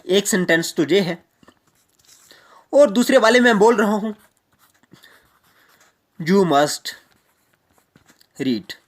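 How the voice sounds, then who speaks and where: A man from Jammu and Kashmir, a teacher giving an explanatory grammar lecture and repeating each point slowly with English examples. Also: sits high.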